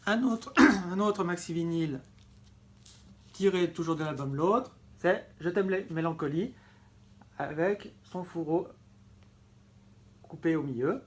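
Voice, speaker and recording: A man with a slightly high voice takes it slowly, with long pauses, as he goes through his record collection in a relaxed home-video show-and-tell vlog. He speaks with eager affection, repeating words and stopping to correct himself.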